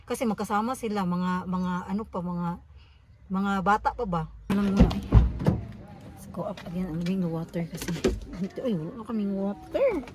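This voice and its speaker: A woman in her thirties with a Filipino accent, vlogging as she tells an animated story on her travels. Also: mid-range voice, moderate pace, very noisy. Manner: animated storytelling mixing languages. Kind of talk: casual vlog chat.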